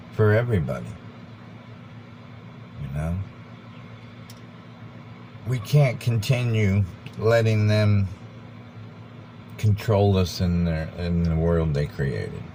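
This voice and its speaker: An American man giving an informal, rambling monologue, earnest and deliberate, repeating phrases for emphasis. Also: warm tone, poor audio. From United States. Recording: background noise with vehicle rumble.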